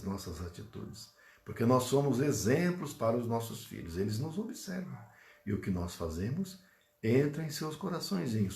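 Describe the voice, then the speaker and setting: A man with a Brazilian Portuguese accent giving a Spiritist talk. He tells a story animatedly and then turns gentle and hushed in prayer. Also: mid-range voice, vocal fry. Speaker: Spiritist lecturer. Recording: roomy echo.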